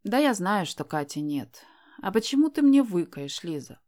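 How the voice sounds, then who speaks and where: A woman's voice: medium pitch, big pitch swings, normal speed, darkish tone, natural voice. A woman voicing a self-assured young man in an audiobook, teasing and insistent as he presses a shy girl to go out with him. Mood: coaxing.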